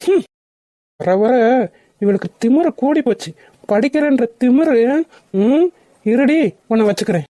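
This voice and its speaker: A woman doing a cocky bullying village rogue guy, kinda high voice, dry close mic. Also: expressive, a little slow, pauses often, dark tone, no room sound. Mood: menacing. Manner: bullying, threatening. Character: arrogant young male village rogue. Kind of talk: cartoon voice acting.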